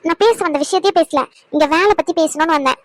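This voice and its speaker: Woman voicing a stubborn pleading young bride-to-be, very high voice, dubbed serial drama, dry recording. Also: quick pace, dry recording, rough recording. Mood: indignant.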